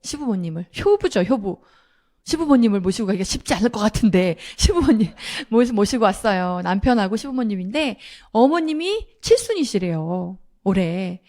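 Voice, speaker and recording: A woman's voice: medium pitch, big pitch swings, normal speed, mellow. A middle-aged woman telling a personal story to an audience, acting out quoted lines with animation. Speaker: speaker at a sales seminar.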